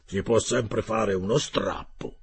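A man voicing a blunt, hungry male harpooner who talks loudly, slowly and emphatically. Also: on the low side, slightly rough, exaggerated voice. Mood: gruff. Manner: loud, slow and emphatic.

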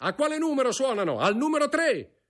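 A self-important gendarme sergeant, put on by a male narrator, declaims in a raised, loud voice. He sounds sure of himself, in a storybook reading. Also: mid-range voice, animated, moderate pace, voice pushed up, natural voice. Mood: alarmed. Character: pompous male gendarme brigadier, self-assured.

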